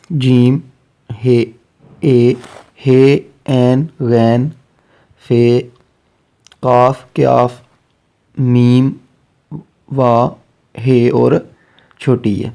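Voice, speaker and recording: Man slowly teaching a language lesson. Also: medium pitch, creaky, warm tone. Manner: slow and repetitive, spelling out letters one by one. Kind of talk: spoken grammar lesson.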